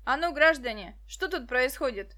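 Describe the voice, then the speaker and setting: A woman's voice: high voice, a little slow, a bit bright. Official male policeman, clipped and formal, voiced by a woman in a storybook. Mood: officious.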